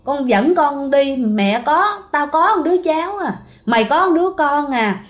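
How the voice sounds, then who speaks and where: A woman's voice: sits high, animated, measured pace, pitched above the performer's own voice. A woman voicing an elderly grandmother who earnestly implores her dead son's spirit, speaking with a Southern Vietnamese accent. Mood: pleading.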